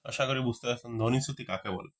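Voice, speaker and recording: A man's voice: medium pitch, very fast. A male teacher giving a grammar lesson. He says each term several times and keeps asking rhetorical questions before he answers them himself. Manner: repeats terms, asks rhetorical questions.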